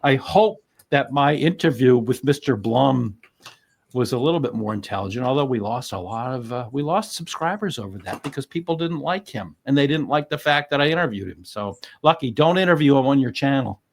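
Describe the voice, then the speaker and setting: Rambling lawyer host on a video call. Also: male voice, medium pitch, animated, fairly quick, vocal fry, slight background noise. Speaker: lawyer hosting a true-crime channel. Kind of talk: casual panel discussion.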